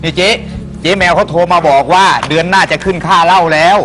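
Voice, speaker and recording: An actor playing an excitable errand boy in a sitcom who calls out loudly. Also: high-pitched, fast. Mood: excited. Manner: loud, calling out. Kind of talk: sitcom acting.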